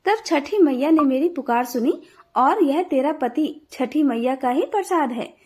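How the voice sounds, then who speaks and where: Brief: a woman playing a devout elderly mother-in-law in a devotional story, earnest, high voice. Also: animated, unhurried, darkish tone. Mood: gentle. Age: older. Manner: pleading, earnest. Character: devout old mother-in-law, pious and gentle.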